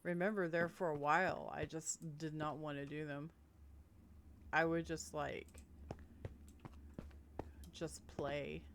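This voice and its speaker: A deep, level-toned woman speaks slowly with long pauses, over a little hiss or hum. She's a gaming creator giving casual let's-play commentary, sniffly and congested with a cold, giggling here and there.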